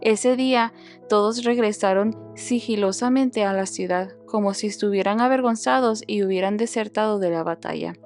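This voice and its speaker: A woman reading a Bible passage aloud for a podcast in a steady, measured storytelling voice. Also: mid-range voice, faint music behind. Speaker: Bible reader, podcast host.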